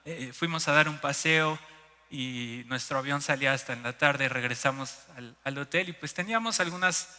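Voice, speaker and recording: A young adult man with a Mexican Spanish accent, preaching a sermon and telling a story in an animated way, acting out shouts and the voices of other people. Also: medium pitch. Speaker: pastor. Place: church sanctuary. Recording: echoey church hall.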